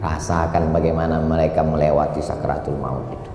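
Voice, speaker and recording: A man preaching a sermon, an animated storyteller who lifts his voice high for quotes. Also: a little fast, background noise. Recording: reverberant hall with faint ambience.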